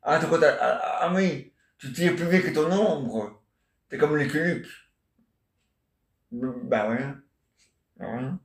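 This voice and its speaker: In an echoey room, an amateur solo stage performer with a fairly high-pitched male voice works through a rambling, improvised comic monologue. He speaks slowly with frequent pauses, chatting away, replying to imagined listeners, tacking on questions, and constantly dropping "hein?" and "ah ouais".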